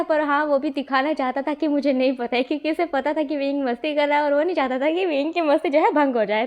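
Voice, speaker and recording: A young woman with a high voice tells a fan story in a loose, chatty way. She leans on the same filler phrases again and again as she narrates. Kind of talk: casual fanfiction narration.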